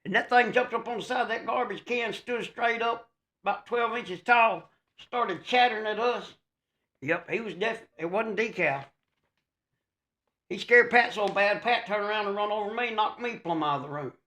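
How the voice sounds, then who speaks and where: A man with a drawl co-hosts a casual podcast, telling folksy stories and cracking jokes. His voice sits high and sounds bright and sharp. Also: moderate pace. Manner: folksy drawl, teasing wisecracks, double negatives. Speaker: podcast co-host. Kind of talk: casual chat, storytelling.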